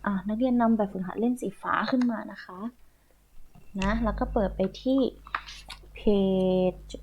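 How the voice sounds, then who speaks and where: A woman's voice: mid-range voice, measured pace, a little mellow, slight background noise. A woman teaching a primary school English lesson online, patiently repeating and spelling words letter by letter. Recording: tinny phone-like audio.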